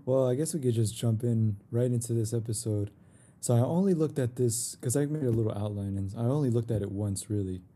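A man's voice: medium pitch, a little fast, mellow. A young man hosting a podcast in casual chat, laid-back and rambling, often saying "you know". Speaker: podcast host.

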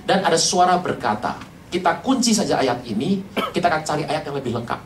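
Preacher, lively joking sermon style, big pitch swings, roomy hall sound from a distance. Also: a little fast, slight background noise. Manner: animated, rhetorical questions to the congregation, jokes.

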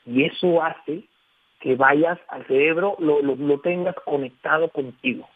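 Heard through a tinny, dry phone line with no room sound, a radio guest talks about communication. His voice is a little high and breathy-edged, and he speaks unhurriedly. He's emphatic, often turning to the listener with tag questions.

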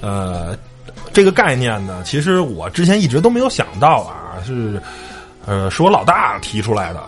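A man hosting a casual car podcast, relaxed and repeating words as he talks. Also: medium pitch, moderate pace, faint music behind. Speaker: podcast host. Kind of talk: casual chat.

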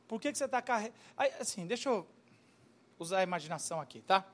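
A male pastor preaching with a high-pitched voice. He tells the story in an animated, humorous way. He slips in and out of the characters' voices as he goes. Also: fast. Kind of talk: sermon.

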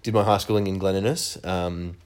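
A man's voice: low voice, fairly even intonation, normal speed, a little mellow, smooth. A young man from northern New South Wales, a musician being interviewed in casual chat, hesitant and laughing easily. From northern New South Wales, Australia. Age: young adult. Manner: hesitant, many restarts and fillers, laughs easily. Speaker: musician guest.

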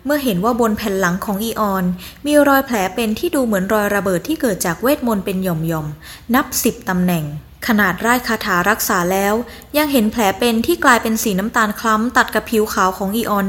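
A woman narrating a fantasy novel in a measured, even storytelling voice. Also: mid-range voice. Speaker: audiobook narrator. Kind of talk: scripted narration.

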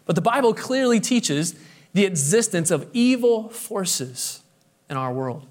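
A man's voice: sits high, very animated, measured pace. A man pastor delivering a sermon with emphatic preaching, his voice swelling and dropping for effect, with the occasional hesitant filler.

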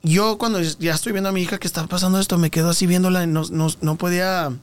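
A man with a slightly high voice tells a story in a relaxed, conversational way. He acts out the other people's lines and the sound effects as the story unfolds. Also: fast talker, clean tone. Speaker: guest singer. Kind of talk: casual storytelling interview.

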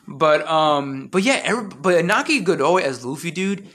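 A man's voice: on the high side, sing-song, moderate pace, fairly bright tone. Chill guy hosting a podcast chat, laughs a lot, voice bounces up and down. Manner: laid-back, says "like" and "bro" a lot, laughs often. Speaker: podcast host. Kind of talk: casual chat.

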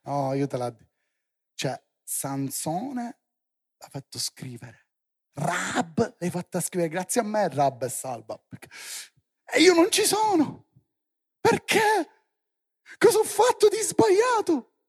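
A man's voice: fairly high pitch, big pitch swings, a little slow, breathy edge, dry recording, clean studio sound, exaggerated voice. A man playing a sulky adult Joshua who complains that he was left out, in a plaintive, whiny voice. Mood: aggrieved complaint. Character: aggrieved biblical leader Joshua, adult man, feeling left out.

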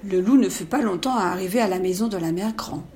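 A woman reading a classic fairy tale aloud in a clear, measured, expressive way. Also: medium pitch. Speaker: storyteller.

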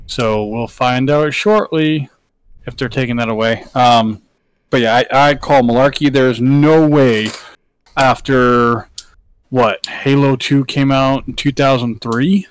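A man's voice: mid-range voice, steady tone, a little slow, clear, resonant tone, no echo, rough recording. A man hosting a casual gaming podcast, talking in an opinionated, emphatic way. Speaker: podcast host.

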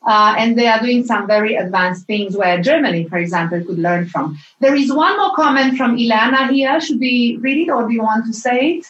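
Woman hosting a web panel, emphatic, kinda high voice, echoey room, far from the mic. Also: fairly quick, few pauses, fairly bright tone, muffled recording. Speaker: webinar host. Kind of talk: online panel discussion.

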